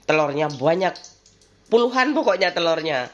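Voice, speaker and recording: A woman's voice: lowish voice, big pitch swings, moderate pace, muffled recording, a little hiss or hum. Chatty woman cooking. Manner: rambling and reminiscing, laughs often. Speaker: vlogger. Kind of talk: casual chatty vlog while cooking.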